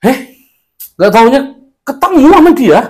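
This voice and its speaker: A man's voice: very high voice, sing-song, normal speed, a little mellow, breathy edge. A man acting an angry father in a village drama, scolding and indignant. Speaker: village head candidate, father.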